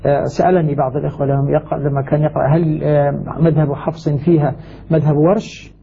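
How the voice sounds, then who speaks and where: A man explains the rules of Quranic recitation, moving quickly through his points and circling back to repeat key words. His voice is husky and set a little high. It comes through a tinny, phone-like line. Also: level tone, mellow. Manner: measured, hesitant fillers, repeats key words. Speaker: sheikh teaching Quranic recitation. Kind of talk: scholarly explanation.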